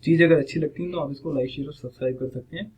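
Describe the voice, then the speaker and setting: A man's voice: on the high side, fast talker, a little mellow, husky, lo-fi sound. A man teaching English vocabulary over slides, switching between Hindi and English and often saying "theek hai".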